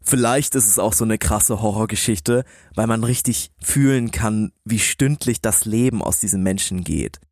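A man's voice: fairly low pitch, normal speed, few pauses, a little mellow, dry recording, clean studio sound. A man co-hosting a podcast, telling stories in a conversational style. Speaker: podcast co-host.

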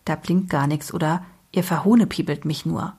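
A woman's voice: low-pitched, steady tone, normal speed, darkish tone, breathy edge, exaggerated voice. A woman voicing a grumpy, sulky little boy in a read-aloud children's story, grumbling and indignant.

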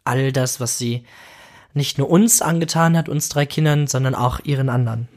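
A man's voice: mid-range voice, moderate pace, darkish tone. A man hosting a casual podcast monologue, outspoken and emotional, swearing freely and now and then dropping in English exclamations. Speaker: podcast host.

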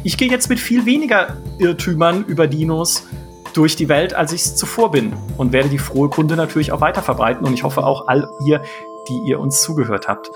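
A man hosting a podcast, enthusiastic and exclamatory in casual conversation. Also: on the high side. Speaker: podcast host.

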